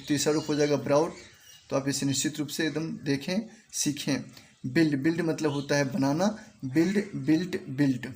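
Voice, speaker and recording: A man with an Indian accent teaches English verbs in a measured, repetitive classroom way. His voice sits a little high, and he says each word slowly, often more than once. A faint hiss of background noise runs under the recording. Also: a little mellow. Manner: repeats each word slowly, drilling pronunciation. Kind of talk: spoken language lesson.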